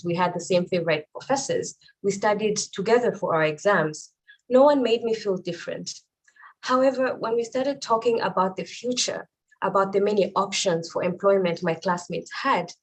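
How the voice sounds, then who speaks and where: A woman's voice: lowish voice, breathy edge, poor audio. A woman in her thirties from Rwanda, a nurse giving a prepared keynote speech over a video call, earnest and reflective.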